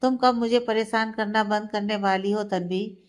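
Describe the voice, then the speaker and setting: A woman's voice: mid-range voice, steady tone, moderate pace, natural voice. An earnest young man who is fond of his fiancée and keeps probing with questions, voiced by a woman storyteller. The voice stays close to the reader's own mid-range tone. It belongs to a read-aloud romance story. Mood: questioning. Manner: questioning, affectionate.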